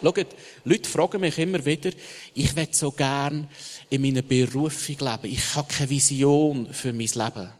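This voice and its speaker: A man with a Swiss German accent preaching a sermon, passionate, swinging between loud emphatic bursts and hushed asides. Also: medium pitch, normal speed. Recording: long hall reverb.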